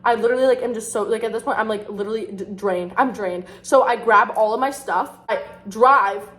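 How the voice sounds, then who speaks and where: A young woman talks straight to her audience in a casual storytime vlog. Her voice sits a little high, and she rambles with constant fillers and pokes fun at herself as she goes. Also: a little fast, fairly bright tone. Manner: rambling, filler-heavy, self-mocking. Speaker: vlogger.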